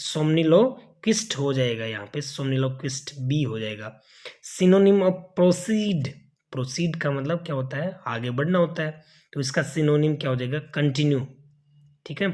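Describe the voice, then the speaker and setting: A man, walking through exam questions one at a time, reading each prompt slowly and then explaining the answer. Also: medium pitch. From India. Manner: reads English prompts slowly and deliberately. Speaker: exam prep teacher. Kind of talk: exam question walkthrough lesson.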